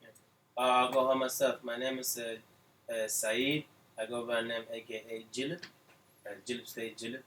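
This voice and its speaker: A man from Somalia, a musician guest on a radio show, talking in a laid-back, halting way. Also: medium pitch, steady tone, a bit bright, rough recording. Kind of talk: casual radio interview.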